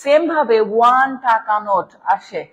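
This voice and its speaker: A woman's voice: on the high side, expressive, moderate pace. A woman with a Bangladeshi Bengali accent teaching an English grammar class live online. She explains step by step, keeps checking in with listeners, and calls them "sir". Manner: explanatory, checks in with "right?", addresses viewers as "sir". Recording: long reverb.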